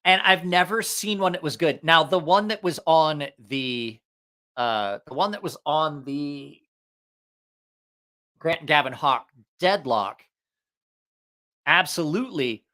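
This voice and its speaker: Reviewing knives on a rambling livestream, this man speaks slowly and pauses often, his fairly high voice bright and forceful. Allergies leave him a little out of breath as he jokes, swears, and drifts into tangents about gear.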